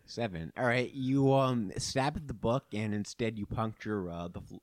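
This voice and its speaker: A man improvising narration as game master of a tabletop game, halting as he thinks aloud. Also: on the low side, no room sound, clean studio sound.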